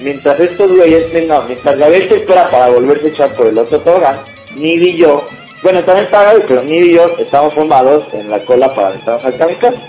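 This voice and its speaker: Animated young Mexican man telling a story. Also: a little high, fast, hardly any pauses, reverberant, soft background music, poor audio. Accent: Mexican Spanish. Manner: animated, laughing, slangy, acts out shouts. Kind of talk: casual storytelling among friends.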